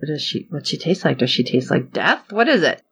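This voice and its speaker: A woman's voice: low voice, very animated, brisk, fairly bright tone, breathy edge. A woman co-hosting a podcast, recapping a TV episode in casual chat and acting out her own reactions. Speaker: podcast co-host.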